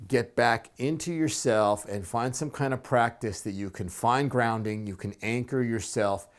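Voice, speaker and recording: A man, a psychotherapist and coach, giving calm, reflective advice on his own, with frequent fillers and restarts. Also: fairly low pitch. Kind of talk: solo advice talk to camera.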